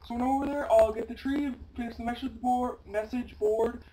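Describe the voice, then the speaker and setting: A woman giving casual, chatty gameplay commentary, breaking into sudden loud exclamations. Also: on the high side, fairly even intonation, brisk. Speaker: gameplay video maker. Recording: loud background noise.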